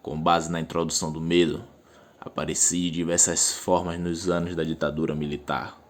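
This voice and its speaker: Casting: actor as Violence, a low-voiced, cold, boastful male torturer, declarative and unrepentant, for radio drama. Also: flat delivery, normal speed, a little hiss or hum. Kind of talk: theatrical radio drama monologue.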